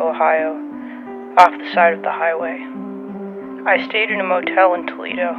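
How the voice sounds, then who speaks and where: Woman narrating through an old-timey AM radio filter. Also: fairly low pitch. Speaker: host. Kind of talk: scripted podcast narration. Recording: tinny old-time radio sound with music underneath.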